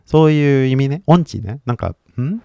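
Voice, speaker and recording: A man's voice: medium pitch, animated, normal speed, vocal fry, warm tone, smooth, no room sound, dull audio. A man who is a native English speaker, chatting casually on a livestream as an English teacher, rambling and switching between Japanese and English with frequent laughter.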